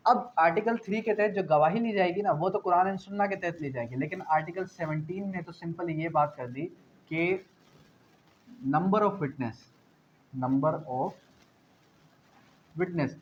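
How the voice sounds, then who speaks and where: A man with a Pakistani accent delivers an exam-prep law lecture, alternating between reading legal clauses aloud and explaining them. His voice sits high and moves a little slowly, with long pauses, as he repeats key phrases and answers his own questions like a teacher. The audio is dull and lo-fi, with faint noise.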